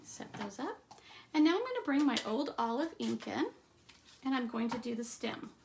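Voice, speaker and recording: High-voiced woman with a gravelly edge. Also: very animated, moderate pace, noisy background. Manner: chatty step-by-step explaining, trailing into quiet asides. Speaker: stamping demonstrator. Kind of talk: live crafting demonstration. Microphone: streaming setup at a craft table.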